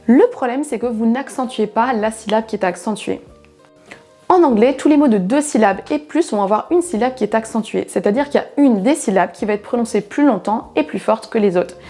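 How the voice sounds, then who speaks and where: A woman teacher whose first language is French walks learners through English word stress in a calm, explanatory way. Her voice sits a little high with a soft, mellow tone. She models each example slowly, leaning on the stressed syllable, over faint background music. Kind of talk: online pronunciation lesson.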